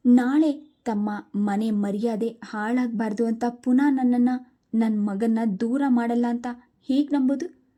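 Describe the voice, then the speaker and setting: A woman's voice: a little high, warm tone. A woman reading the lines of a young, wounded single mother in a spoken family story, bitter and firm.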